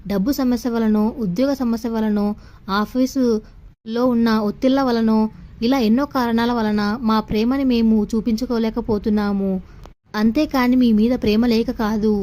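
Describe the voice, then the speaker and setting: Gentle middle-aged husband in a storybook, patient and soothing, explains things slowly; a woman reads him. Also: a little high, lightly acted. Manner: soft, consoling and explanatory. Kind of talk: audio story dialogue.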